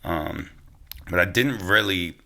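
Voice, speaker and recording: This young podcast guest from Pennsylvania speaks slowly in a low-pitched, sharp voice with vocal fry. His manner is laid-back and full of slang, like a casual interview chat.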